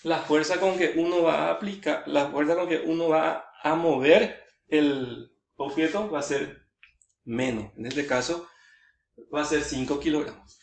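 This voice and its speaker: A man's voice: fairly high pitch, a little slow, gravelly. A male teacher explaining physics step by step in a lecture, repeating words as he works through calculations. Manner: step-by-step, repeats words while working out sums. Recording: echoey room, voice from far off.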